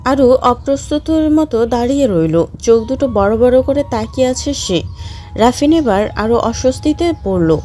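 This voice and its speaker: A woman narrating an audio story in a steady storytelling manner. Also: on the high side, moderate pace, soft background music.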